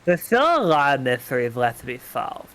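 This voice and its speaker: A man's voice: medium pitch, huge pitch swings, normal speed, noisy background. A man voicing a sweet, girlish young woman in a cartoon princess manner, reading game dialogue aloud. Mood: earnest, wistful. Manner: dainty cartoon princess delivery.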